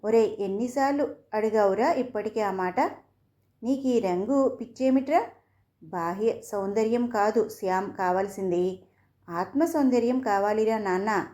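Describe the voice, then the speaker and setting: A woman voicing a caring middle-aged mother who gently scolds her son. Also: medium pitch, measured pace, close to an everyday voice. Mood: fond. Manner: affectionate scolding.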